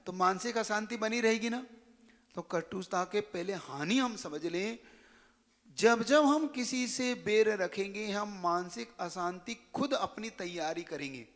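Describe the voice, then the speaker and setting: High-voiced preacher in a reverberant hall. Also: male voice, a little slow, fairly bright tone. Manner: storytelling, full of rhetorical questions. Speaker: religious preacher. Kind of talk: sermon to young students.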